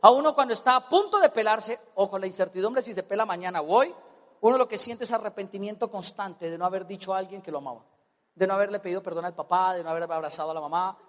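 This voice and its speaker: A Colombian man telling a personal story as a motivational speaker, animated and comic, acting out voices. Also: high voice, fast, long reverb tail. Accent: Colombian Spanish. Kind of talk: storytelling talk on stage.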